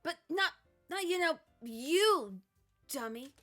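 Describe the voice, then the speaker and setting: A prickly teenage schoolgirl from a visual novel, put on by a woman, snapping back in a huffy, defensive way. Her bright voice jumps around in pitch. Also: lively intonation, slow pace, faint music behind, heavily acted.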